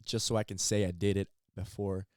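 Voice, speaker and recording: Teenage guy with a low dark voice. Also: level tone, no echo, studio quality. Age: teens. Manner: halting, repeats words while thinking. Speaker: podcast co-host. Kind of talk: casual chat.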